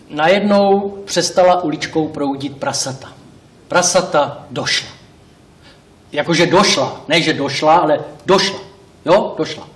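A self-pitying talking pig, played by a man in a live stage monologue, rambling and correcting himself as he speaks to the audience. His voice sits fairly high. The sound is roomy and captured from far off on a theatre stage. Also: lightly acted. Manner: bursts into indignant shouts. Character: talkative male pig, actor-like, wistful and self-pitying. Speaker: stage actor. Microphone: distant room mic.

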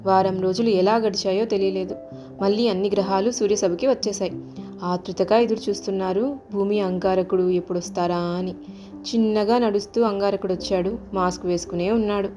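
A woman storyteller narrating a scripted children's tale, calm and expressive, her voice mellow and soft-edged. Faint music plays softly behind her. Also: mid-range voice, fairly quick.

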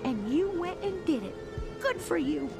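A woman's voice: sits high, very animated, unhurried, heavily acted. A woman playing a grieving, sarcastic alien mother in a comedic video game, bitter and blunt. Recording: music behind the voice.

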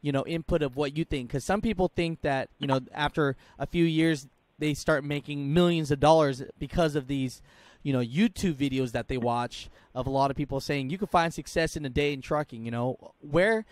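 A man's voice: on the high side, moderate pace, dry recording. A man in his thirties hosting an interview, talking with encouraging enthusiasm into a studio mic. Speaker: host. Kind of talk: casual interview talk. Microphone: studio mic with headphones.

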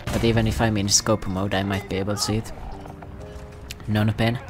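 Low-voiced man rambling over game music. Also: flat delivery, moderate pace. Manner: rambling, self-mocking, chatty. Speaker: gaming commentator. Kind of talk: casual gameplay commentary.

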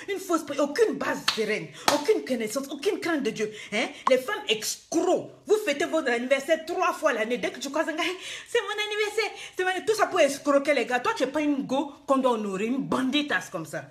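A woman's voice: sits high, lively intonation, brisk, fairly bright tone. Scolding woman coach. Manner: scolding, emphatic, rhetorical questions. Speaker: life coach. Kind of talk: live-streamed motivational talk.

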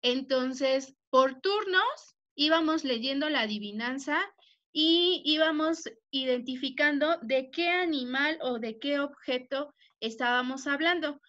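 A woman's voice: sits high, measured pace, bright, forceful tone. A young woman teaching an online primary class. She spells words out patiently, checks in with "ok?" after each point and speaks fondly to the pupils. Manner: affectionate with pupils. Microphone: computer mic on a video call. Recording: dull lo-fi video call audio.

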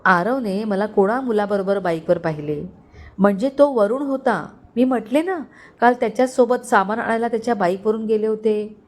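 A woman's voice: medium pitch, normal speed, a little mellow, natural voice. A woman voicing a young heroine who speaks earnestly and emotionally, hurt but sincere.

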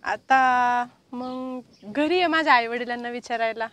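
A woman's voice: a little high, measured pace, fairly bright tone, slight background noise. A woman playing a young woman in love who insists on marrying soon. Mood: eager. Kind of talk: comedy sketch acting.

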